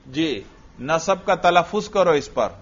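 A man's voice: fairly high pitch, lively intonation. Patient man drilling grammar, lo-fi. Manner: coaxing, repeats answers back, quizzes the student. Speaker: Arabic grammar teacher. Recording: lo-fi recording.

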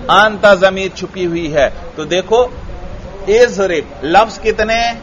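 A man's voice: sits high, fairly bright tone. Man teaching a class, muffled recording. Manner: questioning students, repeating answers. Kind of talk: classroom grammar lesson. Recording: dull lo-fi recording.

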